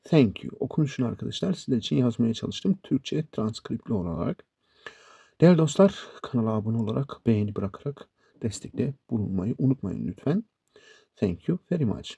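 A man with a gravelly, husky voice gives an English lesson. He talks slowly and on purpose and says each example phrase twice. The sound is dry and close, with a dark, mellow tone. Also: medium pitch, sing-song, dry recording, muffled recording. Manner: slow, deliberate, repeats example sentences. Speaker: English teacher, channel host.

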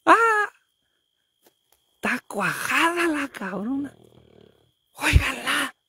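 Woman, vlogger, teasing, swearing, high animated voice, dry close sound. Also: a little slow, no echo. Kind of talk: casual teasing chat.

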